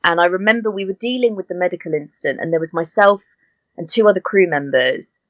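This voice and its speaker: A woman who works as an air hostess, telling stories in a chatty, animated way with laughing asides. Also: lowish voice, quick pace, no room sound. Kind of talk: casual interview chat.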